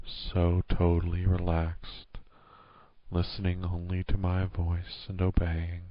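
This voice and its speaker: A man with a very low voice guides a hypnosis induction right in your ear. His delivery is extremely slow and flat, hushed and soothing but commanding. The close recording sounds muffled and dull. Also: no echo. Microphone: close microphone, dry.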